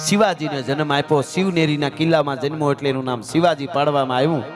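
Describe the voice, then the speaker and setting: A man's voice: fairly high pitch, steady tone, fast. A man telling a folk story on a live stage, dramatic and rhythmic, joking with the audience. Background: folk instrumental music.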